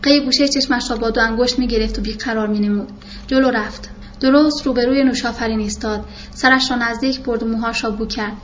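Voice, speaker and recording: A woman reading a novel aloud as narrator, in a steady storytelling manner. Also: a little high. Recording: muffled with faint hiss.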